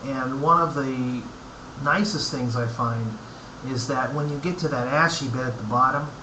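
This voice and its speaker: A man giving a casual, unscripted review, speaking haltingly and thoughtfully in short phrases with pauses between them. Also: mid-range voice. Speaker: pipe tobacco reviewer. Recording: echoey room, clear background noise.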